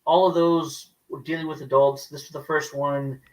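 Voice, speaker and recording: A man co-hosting a casual movie talk, speaking in a measured, thoughtful way. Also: on the high side, level tone, far from the mic, rough recording. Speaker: co-host. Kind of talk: casual film chat.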